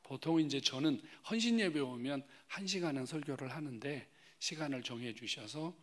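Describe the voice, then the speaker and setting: Pastor preaching, jumping between loud and hushed. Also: male voice, medium pitch, animated, normal speed. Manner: swings from loud emphatic rises to hushed whispered asides; asks the congregation direct questions. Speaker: guest pastor. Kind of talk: sermon with personal testimony. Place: church sanctuary.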